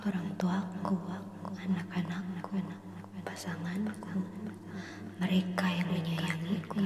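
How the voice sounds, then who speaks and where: A woman gives soft ASMR affirmations in a breathy whisper, phrase by phrase with gentle pauses, through a digital echo effect. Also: on the low side, level tone, crowd noise. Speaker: ASMR creator. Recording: echoing, long artificial reverb tail.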